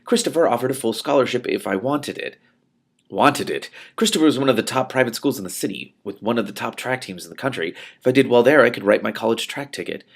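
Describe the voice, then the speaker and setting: This adult man speaks quickly in a creaky, mid-range voice as he reads a novel aloud for a read-along show. Expressive and animated, he interrupts the text to react and offer off-the-cuff commentary.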